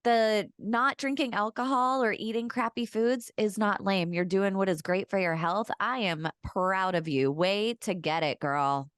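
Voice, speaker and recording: A woman in her forties co-hosting a podcast, upbeat and encouraging, quick to giggle. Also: mid-range voice, clean tone, dry recording, clean studio sound. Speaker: podcast co-host. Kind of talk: casual chat.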